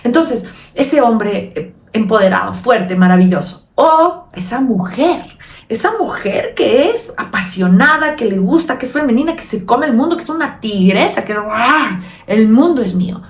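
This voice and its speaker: A woman hosting a motivational podcast who speaks emphatically and warmly calls the listener "my love.". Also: on the high side, expressive, normal speed, echoey room, far from the mic. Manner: emphatic, addresses listener as "mi amor". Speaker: podcast host.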